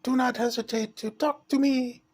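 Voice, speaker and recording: A person playing a cheerful, playful princess who talks in a high sing-song voice and blows kisses, recorded in a hospital room. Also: fairly even intonation, normal speed, close to an everyday voice. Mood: drowsy cheery.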